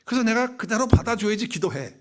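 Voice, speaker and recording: A male pastor delivers a Sunday sermon in a relaxed, conversational manner. His voice sits a little high, and he tells stories and chuckles along the way. He talks from the pulpit of a church. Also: fast, slight background noise. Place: church sanctuary.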